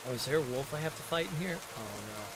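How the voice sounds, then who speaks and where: A man's voice: mid-range voice, expressive, fast talker, very noisy. A man giving casual gameplay commentary as a streamer, muttering loose, offhand remarks. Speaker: game streamer. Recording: loud game music over voice.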